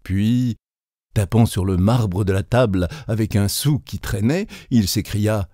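Male narrator, literary story reading, deliberate, dark mellow voice, dry close sound. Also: lowish voice, no room sound.

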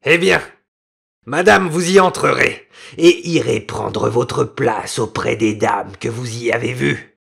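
A man voicing a cruel, murderous nobleman husband in a storybook reading, with a gravelly, raspy, menacing voice. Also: mid-range voice, takes it slowly, a bit bright, pitched above the performer's own voice, heavily acted. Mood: cold menace. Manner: menacing, bellowing threats.

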